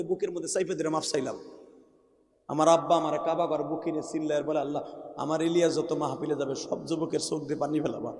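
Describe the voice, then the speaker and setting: Impassioned preacher man, shouting and chanting. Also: fairly high pitch, gravelly, roomy sound, in a large hall. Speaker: Islamic preacher. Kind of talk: emotional sermon at an outdoor gathering. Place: large outdoor religious gathering.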